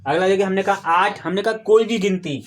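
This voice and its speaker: A man's voice: high-pitched, brisk. A man teaching a classroom grammar lesson, quizzing his students with call-and-response questions and patiently repeating the key terms.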